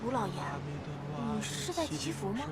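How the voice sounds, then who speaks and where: An actress voicing a gentle, timid young woman who speaks softly and anxiously in a story game. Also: high voice, lively intonation, normal speed, heavy background noise. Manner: soft and anxious. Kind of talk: game voice acting. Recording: game audio over loud music.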